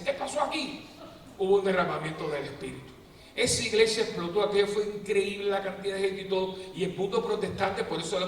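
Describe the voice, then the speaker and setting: Priest, high-pitched and lively, preaching in a big echoey hall, mic far off. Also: male voice. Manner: animated storyteller, acts out quotes with humor. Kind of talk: lively preaching talk to a prayer group. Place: parish prayer assembly hall. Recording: echoey hall, distant mic, faint noise.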